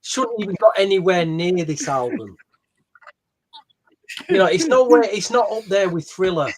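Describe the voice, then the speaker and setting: Blunt man, fairly high voice. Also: lively intonation, moderate pace. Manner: blunt and opinionated. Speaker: podcast co-host. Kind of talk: casual music review chat.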